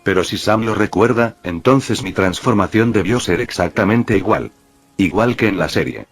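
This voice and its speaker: A man's voice: on the low side, animated, normal speed, husky. A man voicing a shaken, secretive teenage boy in a read-aloud fan story, speaking tensely. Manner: tense, frustrated.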